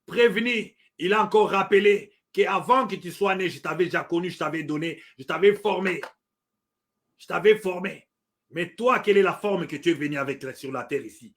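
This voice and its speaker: A man's voice: high-pitched, fairly bright tone. A middle-aged man with a Congolese French accent, giving impassioned political commentary, emphatic and full of repetitions and hesitations. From Democratic Republic of the Congo. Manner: emphatic, repeats points, hesitant fillers.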